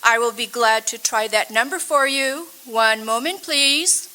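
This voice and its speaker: A woman playing a polite, formal telephone operator in an old-time radio drama, reciting stock phrases in a measured way. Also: on the high side, background noise, lightly acted.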